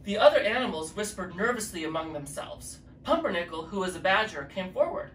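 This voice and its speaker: Drag queen reading a picture book aloud, expressive, mid-pitched, recorded from a distance in a roomy space. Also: brisk. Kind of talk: children's story reading. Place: living room with fireplace, indoors. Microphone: distant camera mic. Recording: echoey room, distant mic, faint noise.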